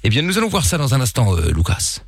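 A man's voice: medium pitch, huge pitch swings, quick pace, husky, no echo, studio quality. A man hosting a late-night call-in radio show, joking casually with lots of fillers.

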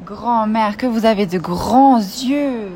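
A naive, trusting little girl from a storybook, voiced by a woman reading aloud, bright and eager with a slightly raised pitch. She speaks loudly, over a faint hiss of noise. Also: slow. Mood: wondering.

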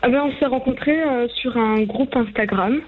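A woman from Belgium with a Belgian French accent, calling a talk show and speaking hesitantly with many pauses. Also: on the high side, phone-quality sound, slight background noise. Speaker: caller.

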